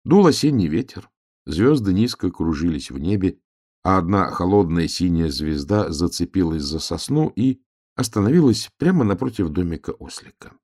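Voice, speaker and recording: A man narrating a children's fairy tale in a calm, measured and expressive reading. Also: sits low. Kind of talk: storybook reading.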